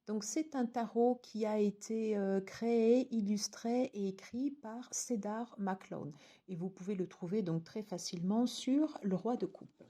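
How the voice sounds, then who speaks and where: A woman talks through a tarot deck and its guidebook in a relaxed, chatty way. Her voice is warm and mellow at a middle pitch. She often stops, restarts and fills gaps as she goes. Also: unhurried. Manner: chatty, many fillers and restarts. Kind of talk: casual unboxing review.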